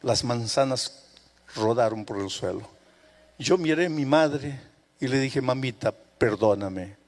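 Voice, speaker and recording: An older male pastor telling a story in a sermon, dramatic, swinging from hushed to emphatic. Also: medium pitch, unhurried, in a large hall.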